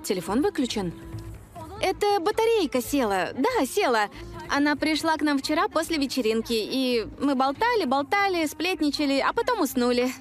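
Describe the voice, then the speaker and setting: A young woman with a high, bubbly voice and a nervous, improvising air. The delivery is dubbed TV drama, with music underneath. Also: very animated, brisk. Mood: bubbly, evasive.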